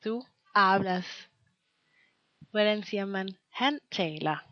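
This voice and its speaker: A woman teaching a scripted language lesson, speaking slowly and patiently and pausing so the listener can answer. Her voice sits in an ordinary middle pitch. The recording is dull and lo-fi, with a dry, close sound. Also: no room sound. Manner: slow, patient quizzing with pauses for the listener to answer.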